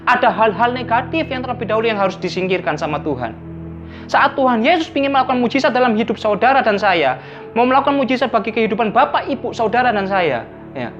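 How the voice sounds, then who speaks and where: A woman preacher, giving a sermon in a church service and retelling scripture as lively everyday dialogue. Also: on the high side, muffled recording.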